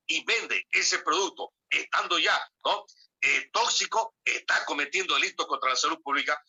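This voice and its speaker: A man giving a classroom lecture, speaking straight to his students and tagging his points with quick questions. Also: fairly high pitch, gravelly, sharp tone, husky. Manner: peppers talk with tag questions to students; addresses listeners directly, conversational. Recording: dull lo-fi recording.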